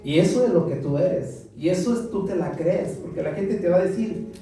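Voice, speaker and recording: Preaching to his congregation, this Mexican pastor poses questions and echoes them back in a high-pitched, mellow voice at normal speed. The mic sits far away, picking up a roomy echo and background music.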